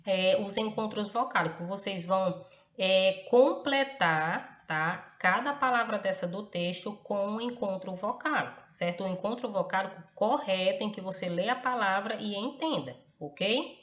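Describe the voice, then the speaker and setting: A woman teaching a class, patient and slow, checking in after nearly every phrase and spelling words out letter by letter. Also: medium pitch, a bit bright, dull audio. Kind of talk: recorded class lesson. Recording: echoey room, faint background hiss.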